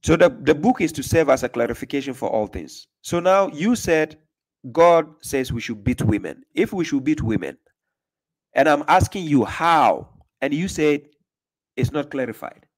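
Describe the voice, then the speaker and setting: A man's voice: a little high, expressive, moderate pace. Insistent man hosting a call-in stream. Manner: pressing, questioning, repeats himself. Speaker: livestream host. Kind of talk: live call-in debate. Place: small room indoors.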